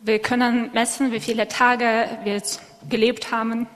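A woman with a fairly high voice interprets a sermon live, phrase by phrase, in a level tone. She's slightly halting and makes small self-corrections, while the church hall gives long reverb.

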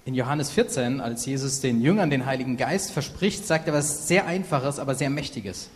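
A man interpreting a sermon live, halting and filling pauses with ums while correcting himself. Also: medium pitch, expressive. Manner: halting, many fillers and self-corrections. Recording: reverberant hall.

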